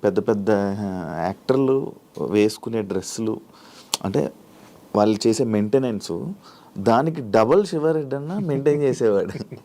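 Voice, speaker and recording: A man's voice: on the low side, lively intonation, normal speed, long pauses, dark tone. A man conducting a casual interview. He asks questions and often gives short hums while he listens.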